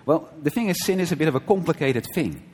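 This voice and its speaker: A man's voice: fairly high pitch, lively intonation, quick pace, darkish tone, slightly rough. Conversational male preacher in a reverberant hall. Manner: conversational, frequent "right?" checks and brief laughs, self-correcting restarts. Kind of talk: conversational sermon teaching.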